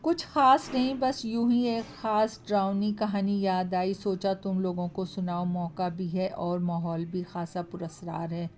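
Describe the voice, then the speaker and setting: A woman's voice: mid-range voice, level tone, unhurried, hardly any pauses, slight background noise, natural voice. A woman voicing a boastful, teasing young man who loves to mock his brothers. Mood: hushed. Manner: loud, mocking.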